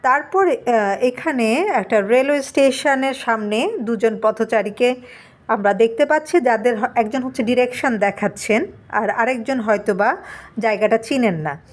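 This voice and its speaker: A woman's voice: on the high side, normal speed. A woman, teaching an English lesson, explaining step by step with many small fillers and frequent check-ins. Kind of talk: classroom lesson explaining a textbook.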